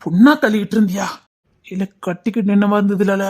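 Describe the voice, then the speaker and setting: A man's voice: sits high, fairly even intonation, fast talker, darkish tone, natural voice. A man playing a suspicious village father who scolds his son and threatens him. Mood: scolding. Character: stern village father hunting a bride for his elder son.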